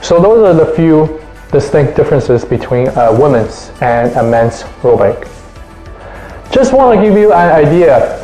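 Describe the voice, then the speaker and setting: A man's voice: mid-range voice, warm tone. A man hosting a review show, presenting in an upbeat, enthusiastic scripted way. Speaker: host of a bike review show. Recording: roomy echo, faint music.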